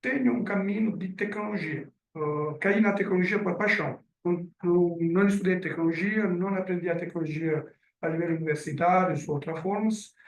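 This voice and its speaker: A distant mic captures roomy sound as a middle-aged man from Italy presents in a meeting room. He speaks fairly quickly in a high voice, with an accent blending Italian and French, and his business talk is hesitant and packed with fillers.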